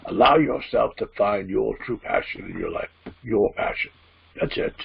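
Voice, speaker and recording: A man voicing a spirit guide as a trance medium at a seance, teaching solemnly and deliberately in a gravelly, husky voice. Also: fairly low pitch, wildly swooping pitch, slight background noise, heavily acted. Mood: calm, instructive. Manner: seance medium manner, preachy, deliberate, emphatic repeated phrasing. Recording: dull, muffled lo-fi audio.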